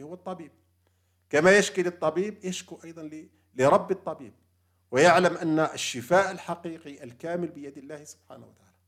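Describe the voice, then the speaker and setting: A man delivers a spiritual lecture on humility before God at a quick clip. His voice sits a little high for a man, and he speaks earnestly and unscripted, often restarting his phrases and filling pauses. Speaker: religious lecturer.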